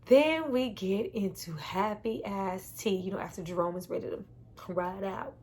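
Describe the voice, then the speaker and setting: A woman giving a casual, animated recap of a TV episode, chatty and quick to laugh and curse. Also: medium pitch, slight background noise. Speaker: TV show reviewer.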